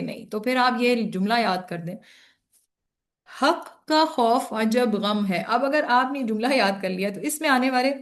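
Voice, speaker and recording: A woman teaching an online grammar lesson, explaining patiently and listing letters one by one, with English words mixed in. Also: mid-range voice.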